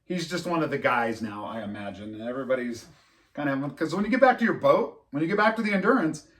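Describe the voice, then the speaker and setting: A man's voice: medium pitch, lively intonation, fast talker, fairly bright tone, far from the mic. A man co-hosting a podcast in casual chat, rambling and laughing at his own jokes. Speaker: podcast co-host.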